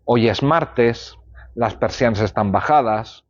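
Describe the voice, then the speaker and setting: A male law lecturer with a mid-range voice speaks at a slow pace during a university class. He explains ideas using everyday examples and checks in with students, and the classroom recording sounds dull and lo-fi.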